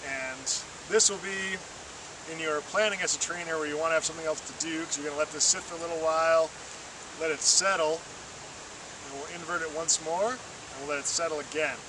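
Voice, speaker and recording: This trainer's voice is fairly high, steady in tone and fairly quick. Standing outdoors next to flowing water, he gives a patient, encouraging, step-by-step water-quality demonstration, heard through a distant mic with loud stream noise.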